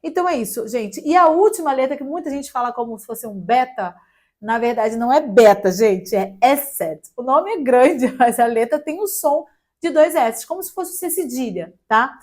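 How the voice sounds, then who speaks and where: A young Brazilian woman giving a casual online German lesson, spelling letters out slowly and adding light jokes. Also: sits high, animated, darkish tone. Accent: Brazilian Portuguese. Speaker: German teacher.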